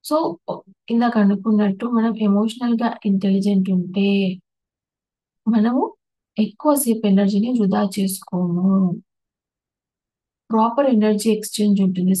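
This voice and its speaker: Woman, meditation teacher, mellow dark tone, dry close sound, patient step-by-step explainer. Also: medium pitch, no echo, low-quality recording. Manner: explains patiently, lists terms one by one with restarts. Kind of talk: spiritual talk on emotions.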